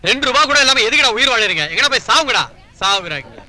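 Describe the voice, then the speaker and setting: A man's voice: extremely high pitch, big pitch swings, quick pace, sharp tone, exaggerated voice. An actor playing a petty policeman who blusters and haggles for a bribe. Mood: blustering. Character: petty bribe-seeking policeman, gruff and greedy.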